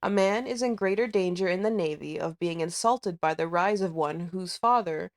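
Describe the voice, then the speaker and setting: Lady doing a snobby pompous old baronet from a storybook, formal, lowish for a woman. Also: moderate pace, lightly acted. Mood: disdainful. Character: proud, vain older gentleman baronet, sarcastic and disdainful. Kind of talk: storybook character reading.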